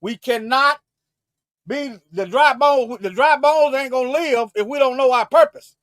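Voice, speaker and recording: A man preaching fervently in a livestream, repeating himself and restarting phrases, swinging between loud emphatic bursts and low asides. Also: unhurried, no room sound, studio quality. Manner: fervent, repetitive, with frequent restarts. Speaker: online Bible teacher.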